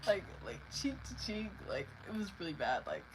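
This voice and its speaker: A woman's voice: medium pitch, big pitch swings, moderate pace, a little hiss or hum, low-quality recording. Blunt chatty young woman telling a story. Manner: blunt, chatty, heavy on "like" fillers, acts out quotes. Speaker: artist streaming live. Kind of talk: casual storytelling while painting.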